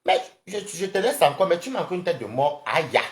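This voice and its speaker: Cameroonian-accented live streamer, lively swooping pitch, rambling, combative rant. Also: a little fast, noisy background. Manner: animated, rambling, confrontational, addresses viewers directly. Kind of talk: casual social media live rant.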